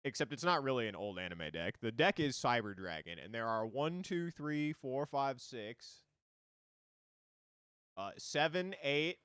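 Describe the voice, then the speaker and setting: A man's voice: medium pitch, lively intonation, measured pace, a bit bright, clean tone, dry recording, clean studio sound. A man streaming a card game, explaining it in loose, rambling casual talk full of fillers.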